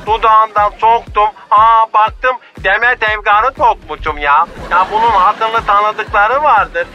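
Brief: high, very bright lovestruck bee voiced by a man, calling in over a dull phone line, chummy and pleading. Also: slow, faint music behind, heavily acted. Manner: chummy, pleading, calls the host "hocam". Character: lovestruck male bee caller, cheeky. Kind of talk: radio comedy sketch.

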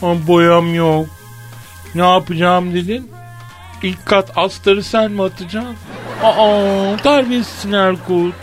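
Man doing a flirty lady caller, slow coy drawl, raised pitch. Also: steady tone, faint music behind. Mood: coy flirting. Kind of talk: comic phone prank role-play.

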